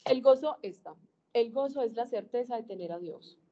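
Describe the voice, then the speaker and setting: Mujer colombiana de cuarenta y tantos, voz cálida. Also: female voice, on the high side, expressive, normal speed, warm tone, lo-fi sound. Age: 40s. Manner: earnest, emphatic, acts out dialogue. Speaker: speaker giving a faith testimony. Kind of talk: personal faith testimony to a group.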